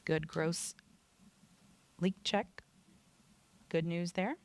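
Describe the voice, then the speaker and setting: Female broadcast commentator, conversational explainer, plain-spoken, with a creaky edge. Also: lowish voice, steady tone, very slow, slight background noise.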